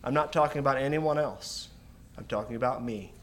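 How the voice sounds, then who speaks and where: A man preaching a sermon in a church, explaining Scripture slowly with emphatic repetition. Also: medium pitch, fairly bright tone, slight background noise.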